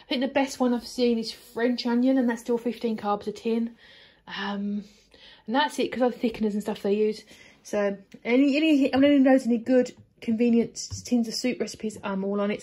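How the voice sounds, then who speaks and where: A chatty English woman in her forties shows off her weekly grocery haul, her voice set a little high and breathy. She talks in an upbeat, rambling way, full of fillers and restarts. She records on a phone in her kitchen at home. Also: a little fast, dark tone. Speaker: vlogger. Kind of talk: casual grocery haul vlog. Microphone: phone camera at arm's length.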